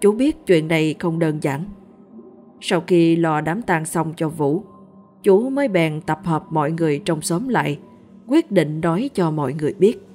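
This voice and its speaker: A woman narrates a first-person ghost story in a steady, measured way. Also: sits low, soft background music.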